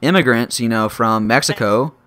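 A man's voice: medium pitch, moderate pace, a bit bright. A teenage boy from Texas, chatting casually and rambling brashly while playing a game. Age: teens. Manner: rambling, brash and joking, swears a lot. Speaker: gaming channel host. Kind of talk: casual gaming chat.

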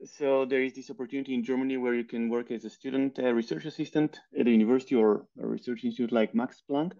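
A man's voice: medium pitch, fairly even intonation, fast, vocal fry. Bulgarian-born man on a muffled call. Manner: thoughtful, laughs softly between points. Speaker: guest, scientist. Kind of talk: casual interview chat. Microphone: headset on video call. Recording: muffled video call audio.

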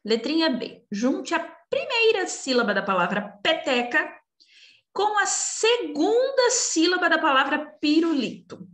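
A woman teaching young children over a recorded video, slowly and coaxingly walking them through a worksheet. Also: very high-pitched, big pitch swings. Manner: slow, coaxing, talks down gently to young children. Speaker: primary school teacher. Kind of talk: recorded remote class walkthrough. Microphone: computer recording while sharing screen. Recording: echoey room.

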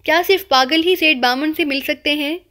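A woman's voice: high-pitched, pushed and bright. A woman voicing a cheeky young male spy who teases people with mock-polite, rambling wordplay, in an audiobook reading. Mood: playful teasing.

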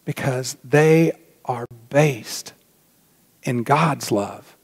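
A man's voice: medium pitch, extremely slow, gravelly, husky. A middle-aged man preaching a sermon from a church pulpit, earnest and reflective, dropping to a near-whisper on key points. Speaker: pastor. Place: large church sanctuary. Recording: long reverb of a church hall.

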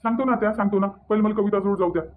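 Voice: mid-range voice, steady tone, racing, narrow, tinny audio, slight background noise, lightly acted. A performer doing an earnest pleading young husband. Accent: Vidarbha Marathi (Varhadi). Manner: pleading, defensive. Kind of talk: cartoon voice acting.

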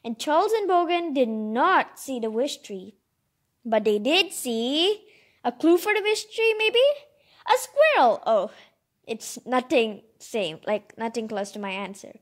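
Here a woman with a fairly high, animated voice takes her time over a picture book, reading it expressively. Between passages she adds chatty, excited comments of her own, playing both storyteller and commentator.

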